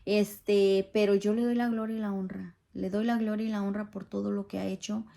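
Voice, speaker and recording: A woman's voice: medium pitch, little pitch movement, normal speed, creaky, dark tone. A middle-aged woman giving an earnest, pleading testimony to a congregation at church. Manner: earnest, pleading, asks listeners for agreement.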